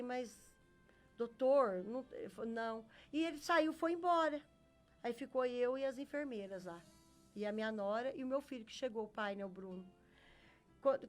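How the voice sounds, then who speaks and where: Brazilian woman, middle-aged, earnest testimony teller who voices each quote, raised pitch, faint music under her. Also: brisk. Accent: Brazilian Portuguese. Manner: earnest storyteller who acts out quoted dialogue. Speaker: interview guest. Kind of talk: personal faith testimony.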